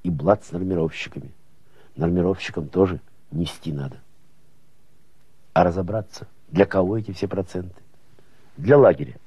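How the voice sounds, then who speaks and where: Man, audiobook narrator, husky, animated intonation, dry close mic. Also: sits low, dry recording. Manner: expressive storytelling with folksy rhythm. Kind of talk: audiobook reading of prose.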